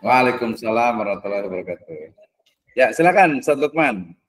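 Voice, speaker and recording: A man hosting a podcast, talking in a relaxed, casual way with many hesitations. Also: medium pitch, fairly quick. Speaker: podcast host.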